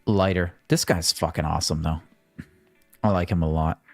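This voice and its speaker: A man's voice: sits low, fairly even intonation, moderate pace, a little mellow, no echo. A man streaming a video game, giving casual, joking commentary and swearing freely. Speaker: gaming livestreamer. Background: faint game music.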